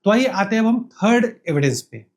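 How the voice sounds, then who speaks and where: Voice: medium pitch, big pitch swings, a little fast, a little mellow. A history channel narrator reading a scripted educational explainer step by step, asking the listener rhetorical questions and switching often between Hindi and English phrases. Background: faint background music.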